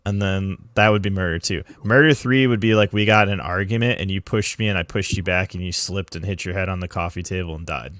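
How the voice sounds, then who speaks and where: Deep-voiced Minnesota man, hesitant. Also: quick pace, few pauses, a bit bright, no echo. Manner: hesitant, explaining with many "uh"s. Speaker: guest. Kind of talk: casual live-stream chat.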